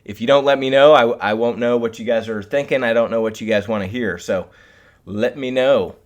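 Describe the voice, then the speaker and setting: Hosting a live trading webcast, this man talks to his audience directly in a relaxed, instructional way. His voice sits at medium pitch and moves a little fast.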